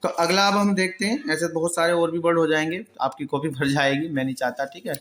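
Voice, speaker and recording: A man teaching pronunciation with a slightly high voice. He asks his students a question, answers it himself, and says each word again slowly. The room around him is echoey. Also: fairly even intonation, fairly bright tone. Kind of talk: Hindi-language vocabulary lesson.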